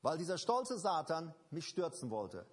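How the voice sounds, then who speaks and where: A man delivering a sermon with a high, lively voice that climbs and drops through each point. His tone is husky, and he drives ideas home by repeating them, often stopping to restart a phrase before pressing on. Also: a little slow. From Germany. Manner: emphatic, repetitive, with frequent restarts and fillers. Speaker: preacher.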